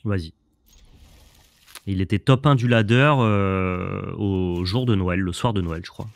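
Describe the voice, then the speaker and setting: A man co-hosting a card-game stream in casual chat, relaxed and hesitant, often trailing off in asides. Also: deep voice, unhurried, vocal fry, dry recording. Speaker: co-host, gameplay commentator.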